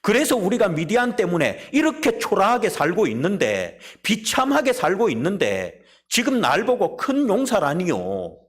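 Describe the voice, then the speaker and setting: A man's voice: high voice, wildly swooping pitch, moderate pace, few pauses. A man, a preacher acting out the inner voice of a timid young man who doubts and protests. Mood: protesting. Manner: incredulous, self-pitying, protesting.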